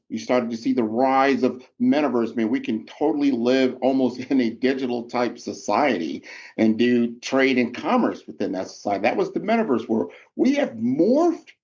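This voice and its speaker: Podcast host man, lively, slightly muffled. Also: medium pitch. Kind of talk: conversational interview.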